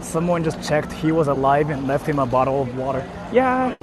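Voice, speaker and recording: Very animated and somewhat high-pitched, a young man from Japan speaks at normal speed with a Japanese accent as he live-streams on a bustling nighttime city street. His casual replies to viewer comments are repetitive, informal and full of swearing, backed by street noise, traffic and crowd.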